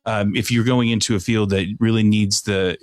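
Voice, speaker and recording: A man in his thirties from Oklahoma, a guest candidate chatting in a podcast studio with quick restarts and fillers. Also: lowish voice, steady tone, no room sound. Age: 30s. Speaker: city council candidate, guest. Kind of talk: casual podcast conversation.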